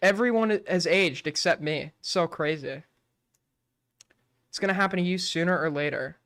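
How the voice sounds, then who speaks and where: This young man in his 20s has a slightly high, fairly bright voice and a moderate pace, recorded in clean studio sound without room echo. His late-night stream chat is casual and rambling, heavy on swearing and peppered with "like".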